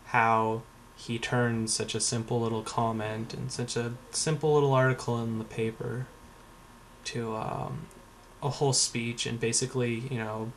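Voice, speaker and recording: A man's voice: mid-range voice, level tone, measured pace, a little hiss or hum. A young man telling a story in a casual vlog, sarcastic and rambling, full of fillers and swearing. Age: young adult. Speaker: vlogger.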